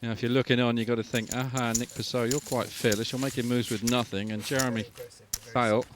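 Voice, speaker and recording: A male commentator talks through poker hands in a relaxed, conversational way. He breaks down odds and player moves analytically and often ends with a tag question. His voice sits at an ordinary middle pitch, with faint noise behind it. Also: brisk.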